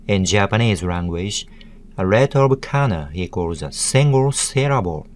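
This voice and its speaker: A man narrating a language tutorial in a measured, deliberate way, breaking words into syllables. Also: low voice, a little hiss or hum. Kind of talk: slow instructional narration.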